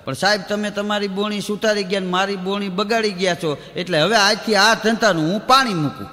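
High, bright man telling jokes. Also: steady tone, in a large hall. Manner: acts out dialogue in quick back-and-forth quotes. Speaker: comedian telling village jokes. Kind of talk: Gujarati folk humor storytelling (lok dayro). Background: audience laughter.

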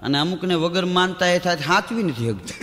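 A man telling folk jokes on stage and acting out the dialogue in quick back-and-forth quotes. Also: high voice, animated, fairly bright tone, long reverb tail. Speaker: comedian telling village jokes. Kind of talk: Gujarati folk humor storytelling (lok dayro). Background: audience laughter.

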